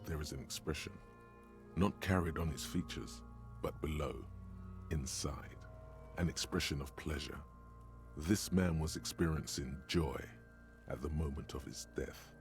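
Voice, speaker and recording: Grim game narration, bottomless low pitch, creaky gravel, deliberate, hushed, ominous inner voice. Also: male voice, exaggerated voice. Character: dark, grisly inner voice narrating a dead man's face. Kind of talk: scripted video game narration.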